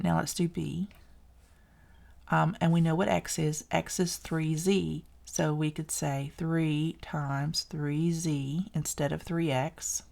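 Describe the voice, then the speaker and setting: This math teacher's deep voice is gravelly and a little mellow, with a Southern US accent. She teaches a casual, recorded algebra lesson in a chatty, encouraging way, correcting herself as she goes.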